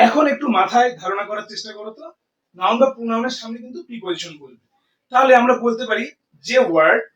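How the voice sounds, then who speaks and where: A man teaching English grammar to students in Bengali and English, explaining slowly and answering his own questions. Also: extremely high pitch, a bit bright, roomy sound, far from the mic, rough recording. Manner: explains slowly, asks and answers own questions, often says "ঠিক আছে". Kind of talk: classroom lecture in Bengali and English.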